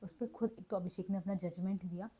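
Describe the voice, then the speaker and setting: A woman's voice: medium pitch, fairly even intonation, fairly quick, warm tone, husky. A woman giving a casual, chatty recap as a vlogger, mixing Hindi and English and often correcting herself mid-sentence. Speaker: reality show recap vlogger. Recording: dull lo-fi audio.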